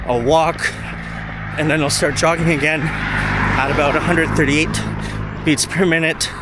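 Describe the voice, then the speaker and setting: A man talking casually to camera while out running, in short halting phrases. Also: fairly high pitch, steady tone. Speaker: running vlogger. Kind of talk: casual vlog talk to camera. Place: outdoors on a running route. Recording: outdoor street noise, passing cars. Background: traffic and outdoor ambience.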